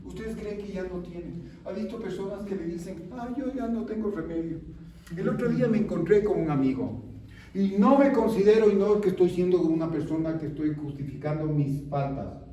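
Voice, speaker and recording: A man's voice: high-pitched, expressive, normal speed, mellow. A male pastor preaching a sermon with fervor, often putting questions to the congregation. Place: large church sanctuary. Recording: echoey church hall from a far mic, congregation audible. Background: congregation responding.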